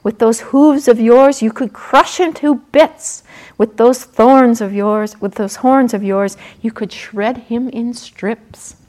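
Storybook fairy: a woman doing a fiery little male forest sprite, high, loud, impatient. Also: steady tone, takes it slowly. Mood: indignant. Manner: eager, loud, demanding.

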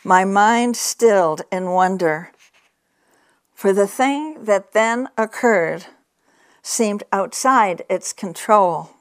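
Calm, gentle older woman reading very slowly. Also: mid-range voice, no room sound, studio quality. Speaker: author reading from a memoir. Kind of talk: reflective memoir reading.

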